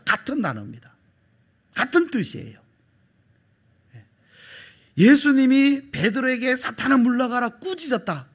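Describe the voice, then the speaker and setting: A man's voice: sits high, fairly bright tone. A middle-aged man, a pastor, preaching a sermon with emphatic delivery, acting out quoted lines and dropping to a whisper.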